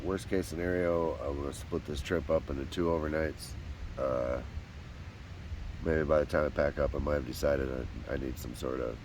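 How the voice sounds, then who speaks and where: A young man with a bass voice vlogs to camera on a backpacking trip, speaking at normal speed outdoors on a hiking trail. His voice is nasal from a cold and sore throat, and he rambles in a relaxed way with lots of "uh" fillers. The low-quality recording has slight background noise.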